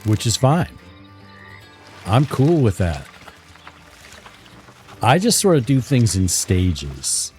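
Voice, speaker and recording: Lively low-voiced man rambling on stream. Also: takes it slowly, pauses often, faint music behind. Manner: rambling, chuckling storyteller. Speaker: streamer role-playing in a western game. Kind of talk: casual in-character chat while streaming.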